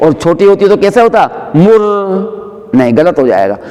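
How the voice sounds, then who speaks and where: A man teaching the pronunciation of a Sanskrit prayer. He explains the syllables briskly and then chants each word slowly and drawn out. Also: on the high side, very animated, mellow, big-room sound.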